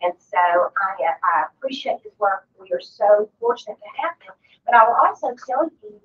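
A woman with a fairly high voice speaks with eager, teasing energy to a board in a conference room. She is heard from across the room on a dull, muffled recording with a faint hiss behind her. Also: big pitch swings, normal speed, far from the mic. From raised in the country. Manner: enthusiastic, teasing. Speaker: board meeting leader. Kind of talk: meeting remarks. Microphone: far room mic.

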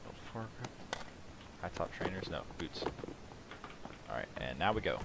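A man's voice: sits low, sing-song, moderate pace, gravelly, very noisy. A man hosting a casual let's play, thinking aloud with rambling, self-mocking asides. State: sleepy, yawning at the start. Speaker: gaming channel host.

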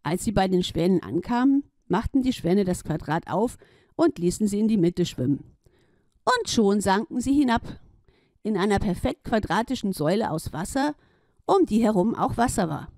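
A woman reading a children's story aloud in a playful, lively way. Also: mid-range voice, moderate pace, no echo, studio quality.

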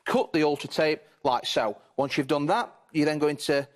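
On a shopping channel, a thirtysomething British demonstrator leads a live step-by-step home shopping demo, moving around the indoor TV studio. He speaks at a moderate pace in a fairly high voice. His manner is instructive and reassuring, and he leans on set phrases.

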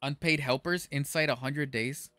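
A man casually commenting on his gameplay to his chat, excitable, with sudden outbursts and stammers. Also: mid-range voice, normal speed, no echo. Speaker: gaming streamer.

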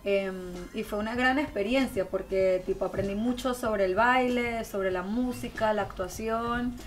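A singer and songwriter with a Venezuelan accent is a guest on a radio show, chatting and telling stories expressively in a casual interview. She speaks into a close studio microphone, wearing headphones, in a fairly high voice and an unhurried manner.

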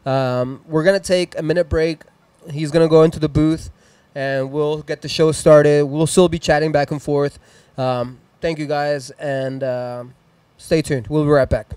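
His voice sits on the high side, smooth and a little mellow, with a steady tone, measured pace, few pauses, and no room sound. He's a man in his thirties with a Mexican accent, hosting a live music stream from a small, decorated indoor studio with a handheld mic. He rambles cheerfully through chat and shout-outs while plugging sponsors and socials.

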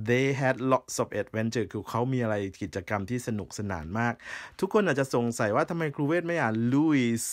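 A man teaching a bilingual reading lesson, reading English slowly and deliberately, then patiently explaining each phrase. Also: mid-range voice, no echo, studio quality. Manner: patient, repeats "นะครับ" often.

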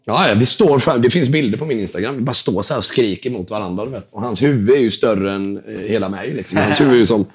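A man with a fairly low voice telling an animated story as a guest in a casual interview. He acts out the dialogue and drops English words into his talk. His tone is relaxed, and he swears now and then. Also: hardly any pauses. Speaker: entrepreneur guest.

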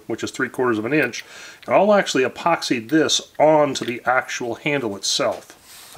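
A man in his forties hosting a casual workshop tutorial, talking in a relaxed, rambling way with many fillers and restarts, recorded in a home workshop on a camera a few feet away. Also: medium pitch, a little hiss or hum. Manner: relaxed and rambling, lots of fillers and self-corrections. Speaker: woodworking channel host.

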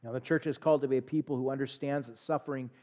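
A pastor in his thirties with an American accent preaches a sermon from a pulpit in a church sanctuary, using a headset mic. His medium-pitched, steady voice races along, swinging from loud, emphatic peaks to quiet asides.

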